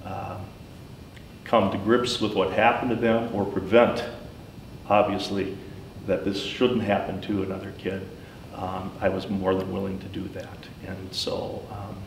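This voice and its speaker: Middle-aged man, deep voice, creaky fry, hesitant informal storytelling, roomy distant recording. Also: flat delivery. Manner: halting, hesitant, pausing often mid-sentence. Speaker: school superintendent, former teacher. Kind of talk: personal account, informal talk. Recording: roomy, distant mic, faint rumbling noise.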